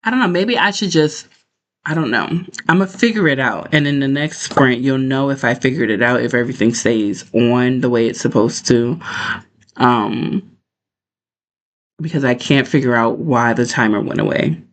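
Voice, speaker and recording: A man's voice: mid-range voice, normal speed, a bit bright. Male livestream host, casual and conversational, mid-range voice, informal rambling delivery.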